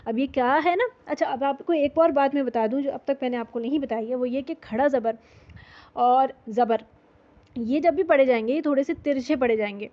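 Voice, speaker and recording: A woman teaching Quran recitation rules, explaining patiently and repeating sounds to demonstrate them. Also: sits high. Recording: dull lo-fi audio.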